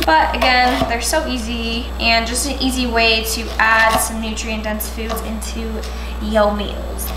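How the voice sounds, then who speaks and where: A woman's voice: on the high side, fairly bright tone. A young woman in her twenties giving a casual, upbeat step-by-step cooking tutorial in her home kitchen, recorded by a camera a few steps away. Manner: chatty, upbeat, explains step by step. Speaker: lifestyle vlogger. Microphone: camera mic from a few steps away. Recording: echoey kitchen with faint music.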